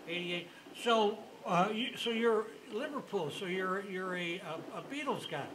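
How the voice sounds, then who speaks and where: A male host of a talk show who speaks in a friendly, rambling and halting way while interviewing a guest. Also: sits high, expressive, a bit bright, a little hiss or hum, rough recording.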